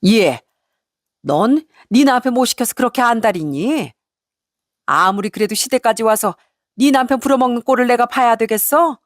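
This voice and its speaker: A possessive mother-in-law with a scornful, nagging tongue, as a woman storyteller puts her on. The voice swings widely in pitch and sits close and dry. Each line lands as a reproach. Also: lively intonation, moderate pace, no echo, lightly acted. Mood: scolding.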